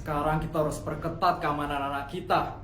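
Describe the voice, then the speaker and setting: A man's voice: on the high side, flat delivery, brisk, very noisy, close to an everyday voice. A man voicing a wealthy, worried father who speaks firmly in a comedy sketch voice-over. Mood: serious. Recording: echoey with very loud music.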